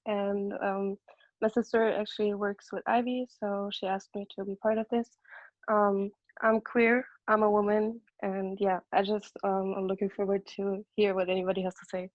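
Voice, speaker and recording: A woman's voice: medium pitch, flat delivery, moderate pace, no echo. A young woman in her twenties introduces herself shyly, with little rise and fall in her voice. The audio is dry and muffled. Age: 20s.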